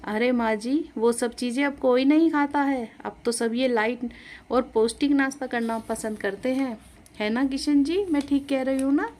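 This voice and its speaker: A woman's voice: high voice, moderate pace, a little mellow, pitched above the performer's own voice, close to an everyday voice. A woman voicing a modern young daughter-in-law who argues eagerly and persuasively in a storybook tale.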